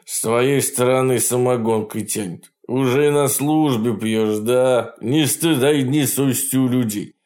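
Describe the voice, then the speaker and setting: A man's voice: mid-range voice, a little slow, few pauses, a little mellow, lightly acted. A man voicing a boastful, grumpy old male sorcerer-villain in an audiobook, blustering and indignant, squealing when hurt. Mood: grumbling. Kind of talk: audiobook character voice.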